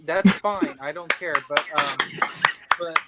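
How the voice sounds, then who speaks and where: Man, teasing comments, casual group chat, fairly high voice, loud noisy mic. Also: takes it slowly. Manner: teasing interjections.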